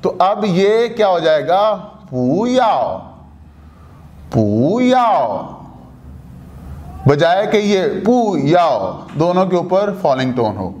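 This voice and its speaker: A man teaching a language lesson from a studio, explaining rules deliberately, repeating key terms and asking himself questions before answering them. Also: sits high, expressive, a little mellow.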